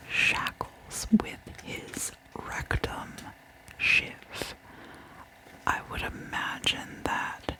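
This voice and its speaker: Whispering in ASMR fashion, a woman narrates true crime with a soft, breathy, unvoiced sound and a deliberate storytelling manner, though the audio quality is poor.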